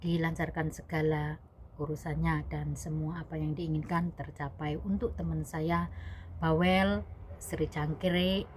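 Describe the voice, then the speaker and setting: A young woman with a fairly low voice tells a personal story to her viewers. She rambles, corrects herself often and keeps calling out to them as "guys". A faint hum of ambience sits underneath. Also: darkish tone. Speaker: vlogger, domestic worker abroad. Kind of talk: casual spoken storytelling.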